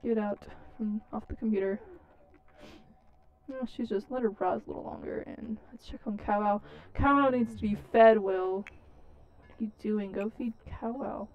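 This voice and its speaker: A woman's voice: mid-range voice, moderate pace, highs cut off. A woman with a lisp chatting nervously and self-consciously as she plays a life-sim game. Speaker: let's play gamer. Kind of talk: casual game commentary.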